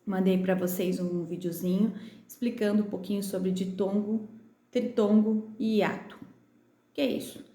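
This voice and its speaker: Patient teacher, São Paulo accent. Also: female voice, medium pitch, flat delivery, mellow. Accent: Brazilian Portuguese, São Paulo state. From Brazil. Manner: patient, drawn-out syllables for young pupils. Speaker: primary school teacher. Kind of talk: remote lesson walkthrough for children. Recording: roomy echo.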